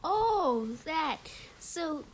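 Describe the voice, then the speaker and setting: A woman's voice: high voice, sing-song, very slow, exaggerated voice, poor audio. A woman playing a prim, fussy talk show hostess in an improvised comedy interview. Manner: prim and fussy, correcting her guest. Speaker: host.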